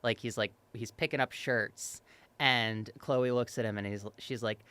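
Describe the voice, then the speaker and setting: A podcast co-host in casual, animated chat who laughs often and swears offhandedly. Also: mid-range voice, a little slow, clean tone, no echo.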